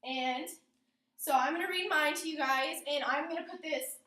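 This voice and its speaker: In an echoing, roomy classroom, a woman teacher reads poems aloud while instructing her class and posing prompting questions. She has a high, sharp-toned voice and speaks at a normal speed.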